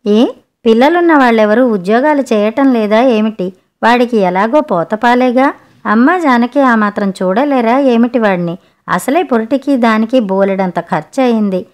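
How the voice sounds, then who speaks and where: A woman's voice: on the high side, moderate pace, a little mellow, natural voice. A woman voicing a practical, matter-of-fact young husband in a read-aloud story, reasoning plainly. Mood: dismissive.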